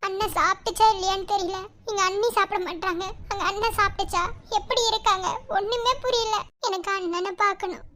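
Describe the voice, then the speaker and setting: A woman's voice: extremely high pitch, steady tone, a little fast, hardly any pauses, bright, forceful tone, a little hiss or hum. Woman voicing a tearful, pleading young sister. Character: tearful young woman pining for her jailed brother. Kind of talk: cartoon voice acting.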